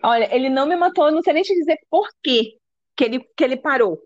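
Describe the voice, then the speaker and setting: A woman's voice: high-pitched, lively intonation, quick pace, no room sound. A Brazilian woman, an interview guest, telling a personal story with many restarts and acted-out quotes. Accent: Brazilian Portuguese. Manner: breathless, restarts sentences, acts out quoted dialogue. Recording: dull lo-fi sound.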